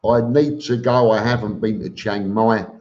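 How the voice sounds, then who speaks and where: A man's voice: fairly low pitch, steady tone, normal speed, darkish tone. A man hosting a casual live stream, reading out comments and answering them in an informal, blunt, matey way. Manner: informal and blunt, calls listeners mate. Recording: dull lo-fi live stream audio.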